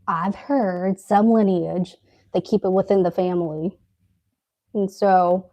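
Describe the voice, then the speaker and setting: A woman's voice: lowish voice, vocal fry, dark tone, highs cut off. A woman co-hosting a casual live stream, telling a story while eating and laughing often. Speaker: co-host.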